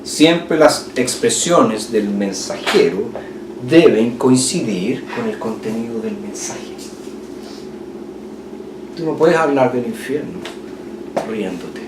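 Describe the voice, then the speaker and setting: Impassioned Chilean preacher in an echoey hall. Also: male voice, medium pitch, expressive, takes it slowly, long pauses. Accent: Chilean Spanish. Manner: impassioned preaching that swings from loud peaks to hushed tones. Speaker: pastor. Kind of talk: sermon. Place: church hall. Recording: echoey church hall, distant mic, noisy.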